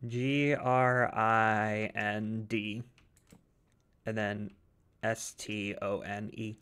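Low-voiced laid-back male gaming host. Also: level tone, drawn-out words, a bit bright, smooth. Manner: laid-back, joking, chuckles often. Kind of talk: casual chat while playing a modded game.

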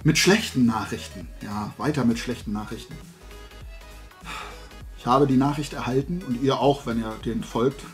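This middle-aged host of a toy and comics show talks at a moderate pace in a medium-pitched voice, chatting colloquially and rambling to camera. He's in an indoor room lined with collectibles, with faint music behind.

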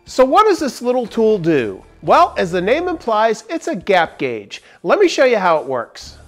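A man in his forties hosts a casual woodworking review from a big barn workshop. His lively, swinging delivery stays jokey and explanatory. Faint music plays under his lapel-miked voice. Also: high-pitched, normal speed. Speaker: woodworking channel host.

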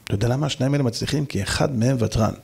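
A man's voice: mid-range voice, gravelly, a little mellow, husky. A man, a rabbi, preaching a sermon in an emphatic style full of rhetorical questions. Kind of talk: sermon to a congregation.

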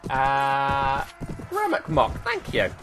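A young man streaming a battle game live, animated and jokey, barking orders at his troops and swearing cheerfully. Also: medium pitch, slow pace. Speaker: gaming streamer. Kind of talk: live gameplay commentary.

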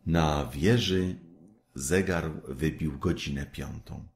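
A man reading a fairy tale aloud as a storyteller, with expressive, measured delivery. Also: very deep voice, a little hiss or hum.

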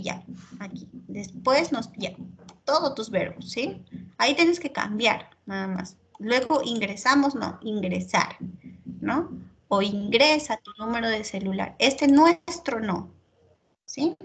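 A woman teacher talks slowly and unhurriedly, her slightly high voice often dropping into a gravelly fry. She gives feedback in an online class, checks in with her student after nearly every phrase, and fills her pauses with small hesitations. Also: lively intonation, fairly bright tone. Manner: checks in constantly with the student, frequent filler pauses.

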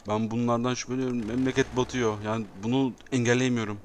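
A man's voice: mid-range voice, flat delivery, fast, a little hiss or hum. A Turkish man commentating a city-building game, given to dramatic exasperated outbursts and repeated phrases. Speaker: gameplay commentator. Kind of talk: excitable gameplay commentary.

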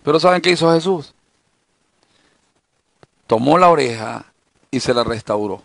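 A man's voice: medium pitch, lively intonation, a little slow, vocal fry, a bit bright, no echo. A man pastor giving a Bible study sermon in a conversational way, telling anecdotes and asking rhetorical questions.

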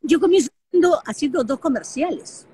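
An older woman with a Peruvian Spanish accent, a guest telling lively stories in a casual interview with plenty of fillers. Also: sits high, a little fast. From Peru. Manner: lively storyteller, frequent fillers. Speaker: guest, actress and broadcaster. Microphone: video call.

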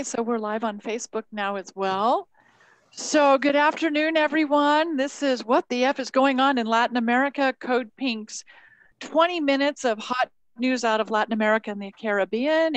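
A woman's voice: on the high side, normal speed, dry recording, rough recording. A woman hosting a live-streamed interview, introducing her guest in a chatty way with frequent ums and restarts. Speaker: host.

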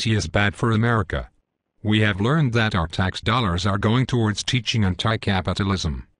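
A man's voice: on the low side, a bit bright, no echo. A synthetic male voice playing a smug, belligerent parody news anchor in a scripted cartoon newscast, stiff and pompous.

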